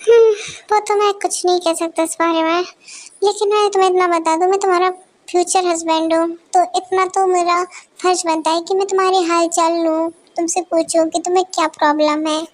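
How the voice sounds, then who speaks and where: Brief: woman voicing a coaxing young fiancé on a call, very high voice, fan audio drama. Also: fairly even intonation, a little fast. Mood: earnest. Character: sweet-talking young man, a fiancé on the phone. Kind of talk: fan-dubbed romance audio story.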